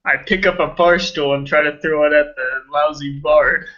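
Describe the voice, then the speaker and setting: A man's voice: fairly high pitch, steady tone, moderate pace, fairly bright tone, highs cut off. A man playing in a casual tabletop role-playing game over voice chat, joking and playing up his character's lines. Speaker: player.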